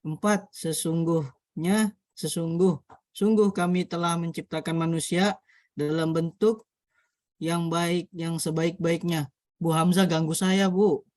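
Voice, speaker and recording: A male student reads numbered verses aloud in a dry, close sound. His delivery is slightly halting. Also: a little high, fairly even intonation, darkish tone, dry recording. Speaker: student in a practice teaching class.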